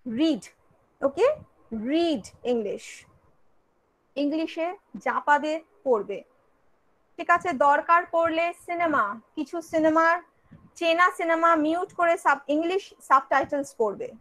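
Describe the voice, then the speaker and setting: A woman teacher with a Bengali accent runs an online English class, moving between Bengali and English and posing questions she then answers herself. Her voice sits high and is a bit bright, with lively intonation, a slow pace and long pauses. The recording is rough.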